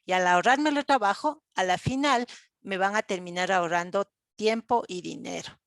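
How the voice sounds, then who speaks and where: A woman's voice: mid-range voice, moderate pace, no room sound. A woman, lecturing an online class, explaining step by step with frequent fillers and check-ins to students. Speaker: university lecturer.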